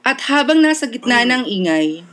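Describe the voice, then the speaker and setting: A woman hosting and narrating a horror radio drama in a hushed, ominous delivery. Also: a little high, very animated, moderate pace, background noise. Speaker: narrator and host.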